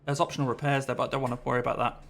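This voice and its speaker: A man's voice: mid-range voice, little pitch movement, racing, fairly bright tone. A man chattily thinking aloud as he gives casual running commentary while driving in a racing game. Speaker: sim racing driver and commentator. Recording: clear car engine noise behind. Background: racing car engine.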